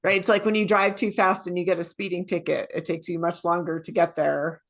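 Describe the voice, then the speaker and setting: Low-voiced woman co-hosting a podcast. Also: level tone, a little fast, fairly bright tone. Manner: thoughtful, steers the conversation with questions. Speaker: podcast co-host. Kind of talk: casual podcast chat.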